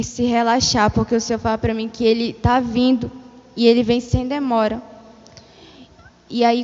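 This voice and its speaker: Woman telling her vision at church, keeps saying "he said like this", muffled lo-fi mic, big hall echo. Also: fairly high pitch. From Brazil. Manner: storytelling, retelling dialogue with repeated "he said like this". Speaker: church member giving testimony. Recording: dull lo-fi sound in a reverberant church hall.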